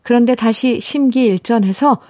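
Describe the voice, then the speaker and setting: Mellow-voiced woman radio host reading letters. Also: fairly high pitch, normal speed, no room sound, studio quality. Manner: warm chatty, laughs often, teasing asides. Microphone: studio microphone.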